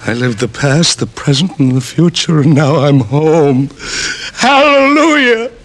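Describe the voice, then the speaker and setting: An actor in an old-time radio drama playing Scrooge, an old, wisecracking, stammering miser who is learning to repent. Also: male voice, fairly high pitch, a little slow. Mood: relieved, grateful. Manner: stammering, excitable, streetwise slang. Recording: vintage radio recording, loud music behind.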